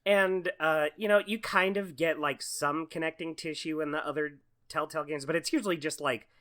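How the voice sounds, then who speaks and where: A man's voice: a little high, steady tone, moderate pace, sharp tone. A man co-hosting a casual, joking conversation. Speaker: podcast co-host.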